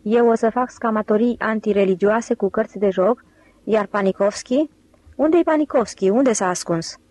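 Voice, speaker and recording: A brash con-man leader barking brisk orders with a dry, ironic edge, as a woman narrator speaks for him. The sound is close and dry, with no room around it. This is storybook audiobook reading. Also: mid-range voice, fairly even intonation, darkish tone, no room sound, lightly acted, poor audio. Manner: bossy, brisk.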